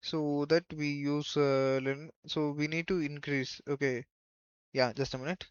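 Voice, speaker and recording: A man giving a coding tutorial in a halting way, thinking aloud as he goes. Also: on the high side, steady tone, clear, resonant tone, dry recording. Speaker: programming tutor. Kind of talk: screen-recorded coding tutorial. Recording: dull lo-fi microphone.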